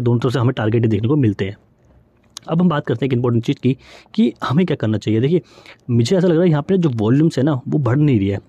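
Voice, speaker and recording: Fast-talking man explaining stock charts. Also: medium pitch, dark tone, slightly rough. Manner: brisk, repeats "theek hai" often, mixes English terms. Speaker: stock market educator. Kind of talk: fast screen-share chart walkthrough.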